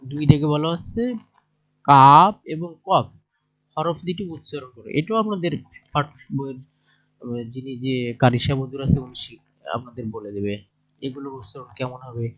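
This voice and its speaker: A man's voice: medium pitch, brisk. A man with a Bangladeshi Bengali accent teaching a lesson from a textbook. He explains each exercise in plain talk and checks in with his listeners. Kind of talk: lesson, reading through a textbook. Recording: dull lo-fi recording.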